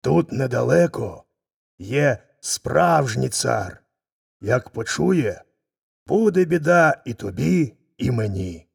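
A man voicing a humbled, frightened male lion in a folk tale reading, with a gravelly, husky voice. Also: mid-range voice, sing-song, slow, darkish tone, heavily acted. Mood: scared, gloomy. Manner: gloomy, whispering in fear.

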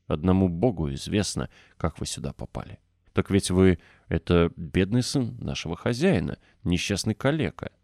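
Man playing old gardener, hoarse, wheezy, gruff, rough country speech, storybook. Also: low-pitched, expressive, moderate pace, a little mellow, no echo, clean studio sound. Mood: astonished.

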